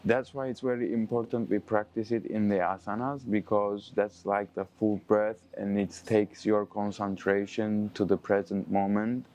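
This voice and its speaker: A man with a fairly low voice leads a breathwork lesson as a yoga teacher. His English has a non-native accent. He instructs in an encouraging way, with some halting searches for the right word. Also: a little mellow.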